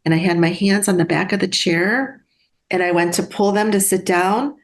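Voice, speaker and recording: A middle-aged woman, a guest, telling a personal story in an earnest, halting way with restarts. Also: medium pitch.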